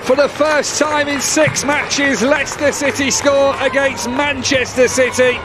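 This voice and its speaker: Male match commentator, high-pitched, excited drawn-out goal calls, over very loud stadium crowd. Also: music in the background. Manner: raises to excited, drawn-out shouts for goals. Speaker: football commentator.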